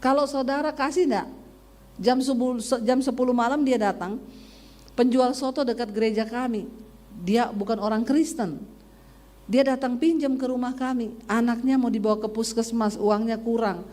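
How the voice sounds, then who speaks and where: A middle-aged woman pastor, preaching a sermon and telling a lively personal story, acting out the dialogue. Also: a little high, normal speed. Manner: lively testimony, acting out dialogue in different voices.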